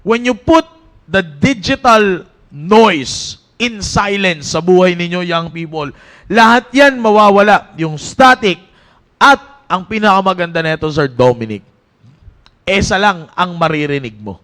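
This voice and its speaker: A man's voice: sits high, a little slow. A man preaching a casual, joking sermon to young people in a church. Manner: animated, joking storyteller who breaks into laughter. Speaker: youth preacher.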